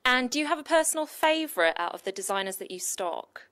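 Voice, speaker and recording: A woman interviewer putting brisk, prepared questions to her guests. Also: high-pitched, expressive, fairly bright tone.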